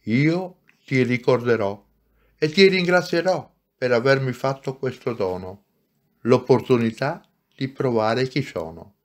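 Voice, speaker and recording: A man reading aloud and voicing a small, eager spirit with an excited, pleading manner. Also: medium pitch, measured pace, close to an everyday voice. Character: small eager newborn soul, childlike.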